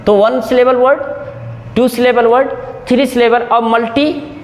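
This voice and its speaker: A man's voice: very high voice, steady tone. A man teaching basic English grammar in a casual lesson, repeating words and drawing out their sounds, a little nervous. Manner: slow, repeats and spells out sounds. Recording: echoey room with long reverb.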